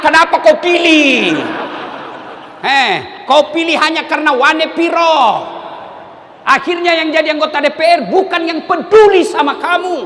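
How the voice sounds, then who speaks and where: A man preaching a lively, humorous sermon, throwing questions at the congregation and shouting. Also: very high-pitched. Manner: humorous, shouts questions and has the crowd answer. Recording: echoey hall with faint noise.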